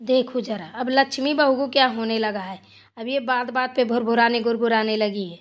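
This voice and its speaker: Brief: woman doing a bossy village mother-in-law for a cartoon, high and curt. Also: steady tone, normal speed, dull audio, lightly acted. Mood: placating. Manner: brusque, placating. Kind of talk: Hindi cartoon dubbing.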